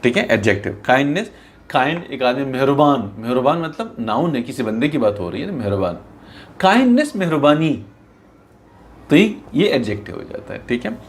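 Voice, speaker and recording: A man's voice: mid-range voice, big pitch swings. A man from Pakistan teaching an English lesson, explaining patiently and reading textbook lines aloud in English. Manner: patient, repetitive explaining, often checks with "theek hai"; reads English textbook lines slowly, mixing them into his explanations. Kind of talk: recorded classroom lesson.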